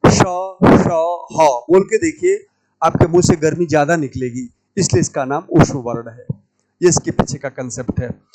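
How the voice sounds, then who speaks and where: A man teaching Hindi grammar in a lecture, slowly repeating key words to stress how they are pronounced. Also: fairly high pitch, a little mellow, no echo, rough recording. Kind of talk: classroom lecture at a whiteboard.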